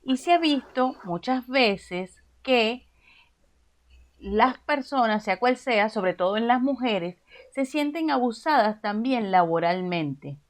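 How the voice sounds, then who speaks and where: A woman's voice: a little high, expressive, slow pace. A woman from Venezuela hosting an interview, asking long conversational questions. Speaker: interview host.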